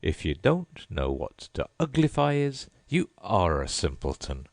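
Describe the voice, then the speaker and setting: A man voicing a gruff, blunt male griffin in a storybook reading who scolds. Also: low voice, big pitch swings, a little slow, darkish tone, dry recording, full character voice.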